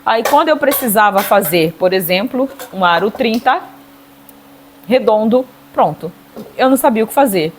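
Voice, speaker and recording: A woman's voice: fairly high pitch, lively intonation, normal speed, slight background noise. A middle-aged Brazilian woman giving a casual cake decorating tutorial, chatty, checking in with her viewers with little tag questions.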